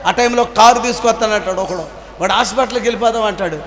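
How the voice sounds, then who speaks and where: High-voiced man preaching in an echoey hall. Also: quick pace. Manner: fervent preaching, calling the congregation to answer louder. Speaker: pastor. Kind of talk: sermon. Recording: echoey hall with long reverb.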